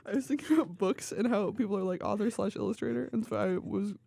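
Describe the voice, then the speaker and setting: A woman's voice: mid-range voice, quick pace, gravelly, dark tone, slightly rough, no echo. A woman co-host and illustrator, talking in a rambling, self-deprecating way. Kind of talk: casual chat.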